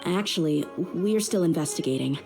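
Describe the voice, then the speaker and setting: Over music, the same game character, a young mercenary bodyguard, is voiced by an actress who talks frankly and without frills. Her pitch sits low and her pace is moderate.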